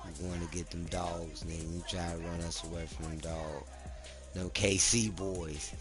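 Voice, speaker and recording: A man's voice: low voice, flat delivery, moderate pace. A man streaming a football video game, chatting casually and talking trash in slang. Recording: music playing loud behind.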